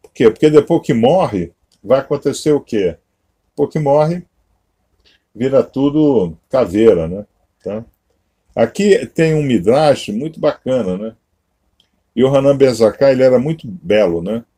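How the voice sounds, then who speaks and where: A Brazilian man teaches a religious lesson in a casual, sermon-like way. His voice is mellow and dark, at an ordinary pitch for a man. He keeps checking in with his listeners through short tag questions. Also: expressive, unhurried, pauses often. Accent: Brazilian Portuguese. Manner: conversational, constant "né?" and "tá?" tags. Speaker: Masonic-Kabbalistic teacher.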